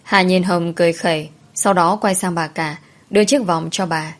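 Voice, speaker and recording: A woman reading a story aloud in a calm, even scripted narration. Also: on the low side, normal speed.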